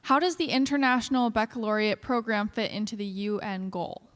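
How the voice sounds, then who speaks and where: A woman's voice: fairly high pitch, fairly quick. A woman moderating a live Q&A, reading out audience questions in an upbeat, offhand way. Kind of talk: casual live Q&A. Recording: live talk in a reverberant hall.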